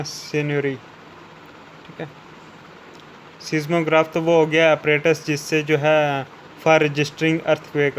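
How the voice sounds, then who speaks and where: A man teaching English vocabulary, explaining each word in Hindi. He keeps checking with "theek hai na" and slows down to read out the English definitions. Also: on the high side, a little hiss or hum, rough recording. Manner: repeats "ठीक है ना" after each point, slows down for English definitions.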